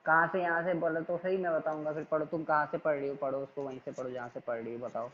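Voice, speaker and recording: A man teaching an online class, calmly but firmly correcting his students' reading and repeating himself until they get it right. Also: fairly high pitch, fast, highs cut off, slight background noise. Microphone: video call.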